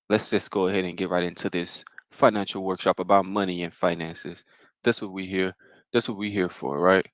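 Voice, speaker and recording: A man's voice: low voice, a bit bright, no room sound, low-quality recording. Dry-sounding young man presenting. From Mississippi, United States. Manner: casual, encouraging, repeats phrases. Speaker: financial workshop presenter. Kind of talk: live-streamed financial workshop talk.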